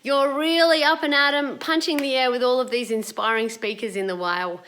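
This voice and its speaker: A woman's voice: high voice, steady tone, normal speed, a bit bright, slight background noise. A woman from Australia giving a cheery, enthusiastic sign-off message. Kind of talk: upbeat sign-off.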